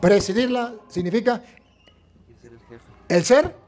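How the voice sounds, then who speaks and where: A Venezuelan man preaches in a notably high voice, slipping into the voices of his story's characters. He fires questions at his listeners. Soft music runs faintly in the background. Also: slow pace. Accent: Venezuelan Spanish. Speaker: priest. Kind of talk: sermon.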